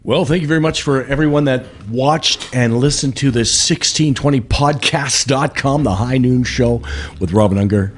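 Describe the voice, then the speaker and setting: A man hosting a podcast, chatty with joking asides. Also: medium pitch. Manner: jokey, chatty, quick asides. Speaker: podcast host. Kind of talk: casual chat. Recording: faint background noise.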